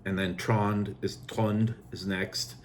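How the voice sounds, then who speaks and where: A man's voice: lowish voice, little pitch movement, slow pace, slight background noise. A man in his sixties from Norway with a Norwegian accent, casually reminiscing in a rambling vlog monologue full of fillers. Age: 60s. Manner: rambling, warm storytelling with fillers and switches into Norwegian. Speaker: vlogger.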